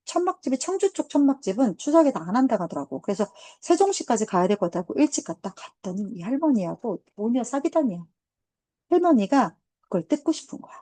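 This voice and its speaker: A woman's voice: on the high side, a little fast, no echo. Indignant woman telling a story. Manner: indignant, animated retelling with quoted dialogue. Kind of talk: casual storytelling.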